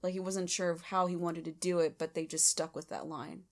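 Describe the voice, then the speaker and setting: A woman co-hosting a podcast casually reviews a comedy film, thoughtfully explaining which lines she liked most and least, with light laughter. Her voice is fairly low, with fairly even intonation and a fairly quick pace.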